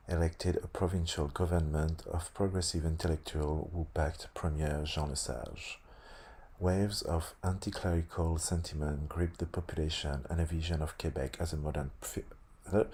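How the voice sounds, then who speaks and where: A man with a lisp reading aloud haltingly, stumbling and correcting himself, with casual asides. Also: a bass voice, fairly even intonation, darkish tone, a little hiss or hum. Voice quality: lisp on s sounds. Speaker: host reading a tabletop game sourcebook aloud.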